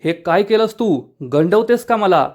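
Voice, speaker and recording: A hot-tempered rickshaw driver blusters and makes angry demands, read aloud by a man. The voice is high and quick. It is plainly spoken as a quoted line within a story recap. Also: animated, a little mellow.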